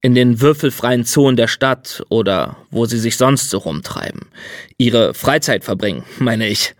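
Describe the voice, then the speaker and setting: A man's voice: mid-range voice, expressive, unhurried, no room sound, studio quality, pitched below the performer's own voice, close to an everyday voice. A man voicing a cold, insistent middle-aged state official in an audiobook reading. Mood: persuasive.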